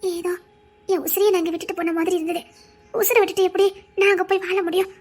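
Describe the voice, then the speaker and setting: A woman playing a young foreign woman who pleads softly and tearfully to be allowed to stay. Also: extremely high pitch, level tone, fast talker, soft background music. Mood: pleading. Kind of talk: amateur romance drama acting.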